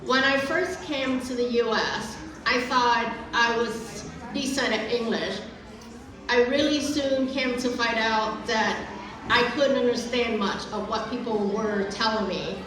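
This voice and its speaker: A middle-aged Vietnamese woman with a Vietnamese accent and a voice on the high side gives an earnest, careful prepared speech as a guest speaker at a community event, speaking unhurriedly with frequent restarts. She's recorded from far off in a large, echoey event hall, with a crowd audible in the background.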